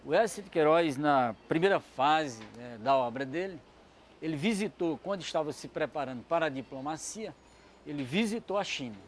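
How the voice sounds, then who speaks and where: A man talks through literature in a discursive, educational way, stopping for frequent asides. His voice sits a little high for a man. Faint noise hums under the recording. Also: expressive, moderate pace. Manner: discursive, many asides and fillers. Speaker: literature commentator. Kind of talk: educational talk.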